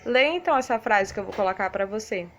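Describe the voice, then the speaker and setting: A woman's voice: medium pitch, animated, quick pace, noisy background. A woman with a Brazilian Portuguese accent, a primary school teacher giving a recorded lesson to young children, patiently explaining and checking in with her pupils. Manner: patient, didactic, checks in often with "né, crianças?".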